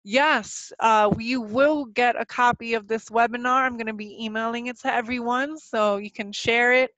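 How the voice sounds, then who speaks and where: A young woman hosting a webinar Q&A, a little nervous and halting, with a slightly sick voice. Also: fairly high pitch, steady tone, fairly bright tone, dry recording. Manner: nervous, halting, many fillers and restarts. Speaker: webinar presenter. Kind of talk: live webinar presentation with Q&A. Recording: dull, lo-fi dry webinar audio.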